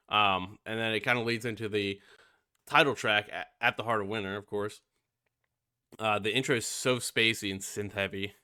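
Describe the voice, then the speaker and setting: A young music reviewer, stuffy and nasal from being sick, casually reviews a metal album, rambling with many fillers and swear words. His lowish voice sounds pushed and bright, smooth, with no echo and studio quality.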